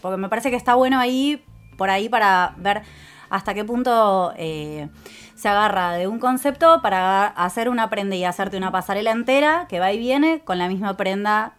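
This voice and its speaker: A woman's voice: medium pitch, moderate pace, a bit bright, clear, resonant tone. Hesitant woman on a fashion panel. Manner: hesitant, searching for words. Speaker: fashion commentator. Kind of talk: casual panel chat.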